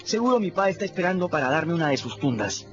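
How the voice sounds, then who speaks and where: A man's voice: fairly high pitch, big pitch swings, fast. Huck Finn, a restless folksy boy narrator. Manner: casual, folksy storytelling. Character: plain-spoken runaway teenage boy narrator, restless. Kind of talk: radio drama narration. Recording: muffled radio play with music.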